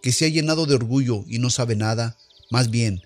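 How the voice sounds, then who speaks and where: A man reading scripture aloud in a solemn, measured, declamatory way. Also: mid-range voice, soft background music. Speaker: scripture reader.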